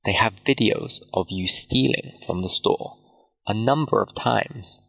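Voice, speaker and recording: A man's voice: fairly low pitch, a little slow, vocal fry, bright, forceful tone, exaggerated voice, poor audio. A man reading as a cold, stern father. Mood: cold, lecturing. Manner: cold, lecturing.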